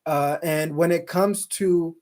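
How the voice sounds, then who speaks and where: Hosting a live call-in show from Salt Lake City, Utah, a man reads viewer comments in casual live-stream chat, talking loosely with many fillers and restarts and dropping in Islamic phrases. His voice is a little high, slow, and a little mellow.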